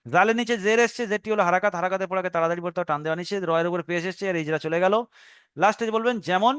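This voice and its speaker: A man with a Bengali accent teaches a recorded Quran reading lesson, explaining each step patiently. His voice sits high and comes across smooth and clear. The sound is close and dry. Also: a bit bright, no echo. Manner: patient step-by-step explaining, slow drawn-out recitation of example words.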